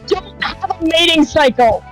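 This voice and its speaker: A woman's voice: extremely high pitch, lively intonation, a little slow, soft background music, low-quality recording. A woman streamer in casual chat, exasperated and swearing as she rants.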